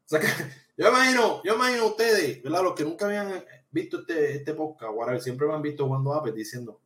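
His voice is slightly high and his pace quick as he hosts a live-streamed podcast, reading from the live chat. He's joking and animated, ranting in casual slang, recorded in an echoey room.

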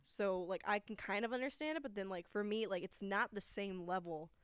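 A woman co-hosting a casual podcast, voice in a middle pitch and recorded close and dry with no room sound. She chats loosely, leans on "like" constantly, and breaks into laughter while recounting scenes. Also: brisk, clean tone, dry recording. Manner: chatty, heavy use of "like", laughs while retelling scenes. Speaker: podcast co-host. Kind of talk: casual chat.

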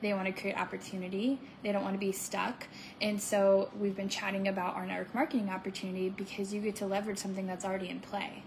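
A woman's voice: medium pitch, level tone, fast talker, slight background noise, low-quality recording. A woman co-hosting a casual podcast chat, upbeat and salesy, with lots of "like" and "right?". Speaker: podcast co-host.

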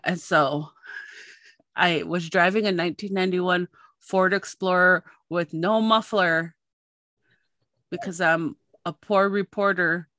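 Animated woman telling a story. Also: lowish voice, takes it slowly, pauses often, no room sound. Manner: animated storyteller, acts out quoted voices. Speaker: podcast host and journalist. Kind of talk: casual storytelling chat.

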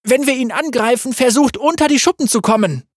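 Young male warrior voiced by a man, urgent commanding calls, higher pitched, storybook reading. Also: brisk, dry recording, clean studio sound.

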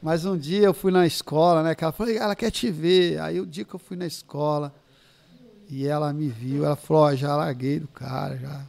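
A man, a pastor from inland São Paulo, telling personal stories as a podcast guest in a casual, animated way. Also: fairly high pitch, a little fast, vocal fry. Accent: Brazilian Portuguese, São Paulo interior. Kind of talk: casual storytelling chat.

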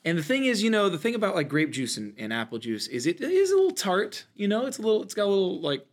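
Man, slightly high-pitched, podcast co-host, casual chat, animated, jokey storytelling. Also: quick pace. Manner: animated, jokey, mimics inner thoughts in quotes. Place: indoors, in a church.

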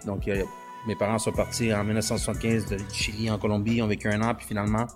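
A man's voice: lowish voice, level tone, quick pace, over music. A man with a Quebec French accent telling his story in a casual conversation, slipping English slang into his French. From Canada. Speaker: guest.

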